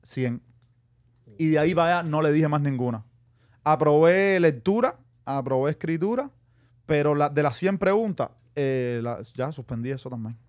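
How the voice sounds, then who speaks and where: A man's voice: a little high, moderate pace. A man, a podcast guest telling a story in casual chat, acting out what people said to him. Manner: animated storyteller acting out quotes, calls listeners "mi hermano".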